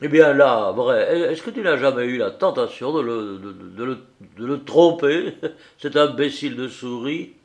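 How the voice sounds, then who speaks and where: A man's voice: mid-range voice, slow pace, natural voice. A man voicing a husband who presses his wife insistently, turning from gleeful to jealous and angry. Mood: teasing. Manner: insistent, laughing, then stammering and angry.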